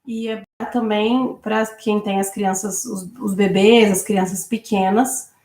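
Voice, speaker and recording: A woman's voice: medium pitch, fairly even intonation, slow, a little mellow. A woman co-teaching a parenting course, explaining at length with some fillers. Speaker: co-instructor. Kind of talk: lecture on child education. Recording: echoey room.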